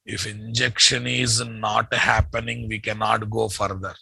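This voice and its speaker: A man's voice: fairly low pitch, little pitch movement, a little slow, gravelly, pushed and bright, husky, dry recording, rough recording. A man with a Telugu Indian English accent teaches programming live, thinking aloud, repeating phrases and checking with his students through short questions and tags. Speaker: programming instructor.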